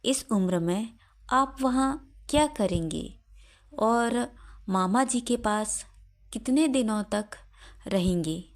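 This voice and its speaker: A woman voicing a gentle, worried young daughter-in-law who pleads politely. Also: a little high, takes it slowly. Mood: pleading.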